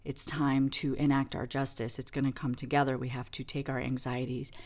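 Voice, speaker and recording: A woman's voice: extremely low pitch, level tone, brisk, a little mellow. A woman giving a casual tarot reading demo, reflective and rambling with many fillers. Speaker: tarot reader.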